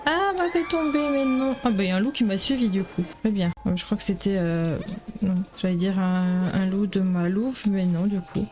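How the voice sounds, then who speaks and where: A woman's voice: mid-range voice, fairly even intonation, normal speed, warm tone, soft background music. Chatty French woman playing a game. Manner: chatty, exclaiming at the game, fillers. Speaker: let's play host. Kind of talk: casual gameplay commentary.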